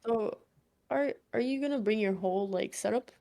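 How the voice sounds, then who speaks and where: A woman's voice: on the high side, normal speed, warm tone. A young woman co-hosting a podcast in easy, casual chat. She tells crude, meandering stories about family, laughing through them and swearing freely. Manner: giggly, profane, rambling anecdotes. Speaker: podcast co-host.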